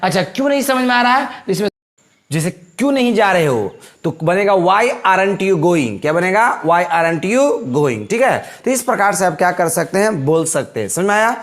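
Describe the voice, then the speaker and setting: A man's voice: high voice, sing-song, moderate pace, fairly bright tone. A man teaching English grammar in a classroom-style lesson, repeating each example sentence and asking rhetorical questions.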